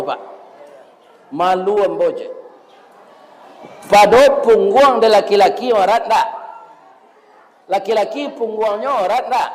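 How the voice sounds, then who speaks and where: A middle-aged man with a Minangkabau accent preaching a folksy village mosque sermon, calling his listeners "Pak", chanting verses and reciting rhymes. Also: sits high. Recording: long echo of a mosque hall.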